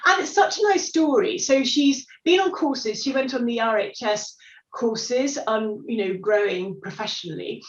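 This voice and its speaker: At a moderate pace and slightly high pitch, a sixties-aged unretirement expert chats as an interview guest, upbeat and encouraging, with plenty of "sort of" and "you know". The audio comes across distant, roomy and dull.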